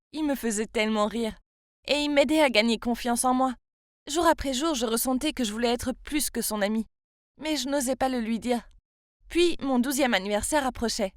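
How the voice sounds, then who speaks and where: A woman in her twenties from France tells her own story in the first person, in a confiding and emotional way. Her voice is fairly high. The recording is a dry, close voice-over. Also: dry recording. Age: 20s. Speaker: narrator.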